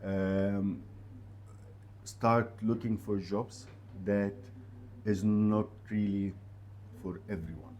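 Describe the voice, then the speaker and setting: Here an Arabic-speaking university representative gives informal advice to students in an interview, pausing often and repeating short phrases for emphasis. His voice is on the low side, steady, and slightly mellow, and a little hiss or hum can be heard.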